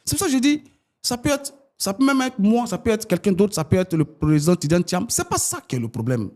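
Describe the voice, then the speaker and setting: A man in his forties from Ivory Coast, a politician arguing his points as a guest in an interview. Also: fairly quick. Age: 40s. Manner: animated, rising pitch when arguing.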